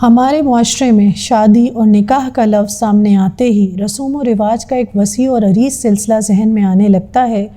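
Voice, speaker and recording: A woman's voice: fairly high pitch, fairly even intonation, few pauses, mellow. A woman giving a formal, earnest scripted narration introducing a religious studies course. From Pakistan.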